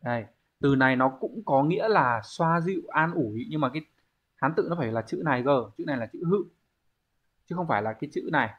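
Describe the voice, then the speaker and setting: A man's voice: a little high, expressive, a little fast, lo-fi sound. A man teaching a language exam review lesson. He explains step by step and keeps checking with the class. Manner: explains step by step, often asks the class to confirm.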